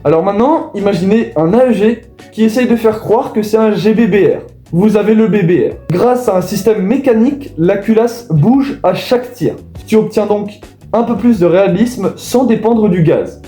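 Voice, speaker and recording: A male video host explains things in a casual voice-over, speaking directly to viewers. His voice is high with a dark tone, and he keeps a moderate pace. Faint music plays in an echoey room.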